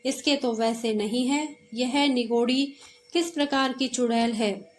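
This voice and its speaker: A woman voicing panicked, gossiping village women in a read-aloud story, speaking slowly in a high voice. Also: fairly even intonation, slight background noise, close to an everyday voice. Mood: alarmed.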